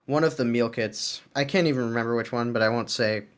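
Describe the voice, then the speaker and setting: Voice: medium pitch, a little fast, clean tone. A podcast co-host chatting casually, rambling and laughing easily.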